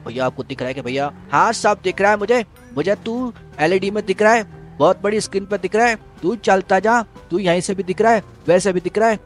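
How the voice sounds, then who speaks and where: A man voicing a loud, excited male cartoon character who cheers on his buddy in a game video. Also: brisk, faint music behind, close to an everyday voice. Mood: cheering. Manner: shrill, hyped, doting.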